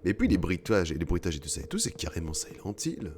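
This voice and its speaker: Very deep-voiced man gaming commentary. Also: very animated, fast talker, darkish tone, slight background noise. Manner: joking, swearing asides. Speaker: let's play gamer. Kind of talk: casual gameplay commentary.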